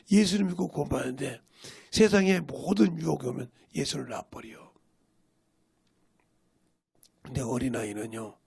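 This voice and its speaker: Male pastor preaching a sermon, high lively delivery, raspy gravel, rhetorical questions.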